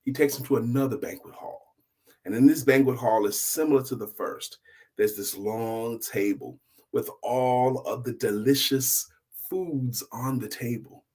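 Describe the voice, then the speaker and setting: Hosting a story, this middle-aged man speaks in a husky, mid-range voice. He is emphatic and deliberate, pausing for drama and letting his voice sink to a hush.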